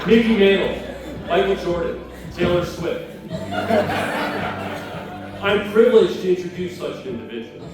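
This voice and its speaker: A man giving a pompous, tongue-in-cheek introduction of a fellow rugby alumnus. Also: fairly high pitch. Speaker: presenter introducing an inductee. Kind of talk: mock-grand introduction. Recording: echoey hall from far off, with music.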